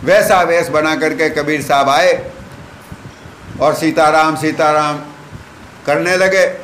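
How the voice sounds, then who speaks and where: A man's voice: on the high side, takes it slowly, fairly bright tone. A man giving a sermon, retelling a saint's tale and voicing its dialogue. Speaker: preacher. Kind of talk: sermon storytelling. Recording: echoey room with faint ambient noise.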